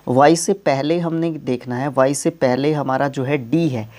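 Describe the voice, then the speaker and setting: A man's voice: medium pitch, steady tone, a little slow, a little mellow. A man teaching English grammar in Hindi, explaining rules step by step and asking the class questions as he goes.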